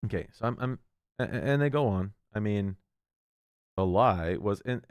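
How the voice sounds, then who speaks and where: A man's voice: fairly low pitch, expressive, normal speed, clean tone, no room sound, clean studio sound. A man reading an article aloud and breaking off into heated, indignant commentary, often stumbling and restarting. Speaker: political commentator.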